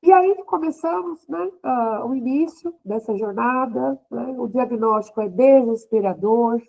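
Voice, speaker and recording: A woman's voice: a little high, a little slow, vocal fry, dark tone. A woman in her thirties giving an emotional church testimony to a women's group, often adding "né?". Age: 30s. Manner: emotional, repeats "né?" often, voice rising in quoted speech. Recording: slightly dull lo-fi recording.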